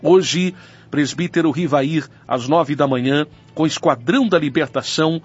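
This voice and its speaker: A man's voice: on the high side, slightly rough. Earnest male church radio announcer. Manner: earnest, urgent invitation. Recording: dull lo-fi radio sound.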